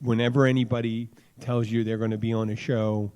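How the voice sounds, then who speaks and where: A man hosting a podcast, talking in a loose, rambling way. He jokes and drifts into crude stories and asides. His pitch sits in an ordinary middle range. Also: little pitch movement, brisk, mellow, smooth. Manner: rambling, joking, crude storytelling. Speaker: podcast host. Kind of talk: casual chat.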